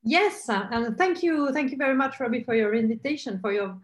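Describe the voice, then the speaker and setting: A woman's voice: high-pitched, expressive, brisk, echoey room, rough recording. A woman with a French accent, a researcher answering interview questions over a call, hesitant with many fillers. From France. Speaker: guest researcher.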